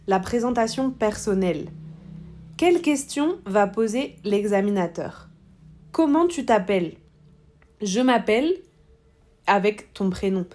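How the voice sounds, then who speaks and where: Teaching a French exam-prep lesson, a woman with a somewhat high voice and darkish tone speaks slowly and with deliberation. She repeats model answers so her students can follow.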